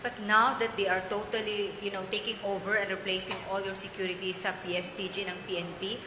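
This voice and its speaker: A woman's voice: medium pitch, level tone, fairly quick. A woman reporter with a Filipino accent hesitantly asking a question, switching between English and Filipino. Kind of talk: press question. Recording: echoey hall with clear noise.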